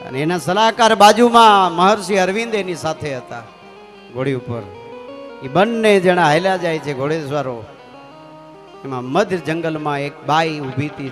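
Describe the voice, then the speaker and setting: High-voiced Kathiyawadi folk storyteller. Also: male voice. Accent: Kathiyawadi Gujarati. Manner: animated, keeps addressing the audience as sir. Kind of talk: live folk storytelling with sung verse. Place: live stage event.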